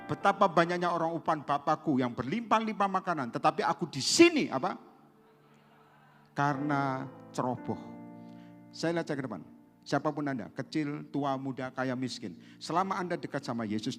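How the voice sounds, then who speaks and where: Lively preaching man in a church hall. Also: on the high side. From Indonesia. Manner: lively preaching, calls to the congregation. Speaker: pastor. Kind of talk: sermon.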